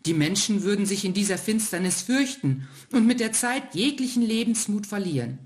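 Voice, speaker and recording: A woman's voice: medium pitch, animated, normal speed, pitched above the performer's own voice, lightly acted. A woman voicing the oldest star, wise and caring, in a bedtime story. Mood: gentle.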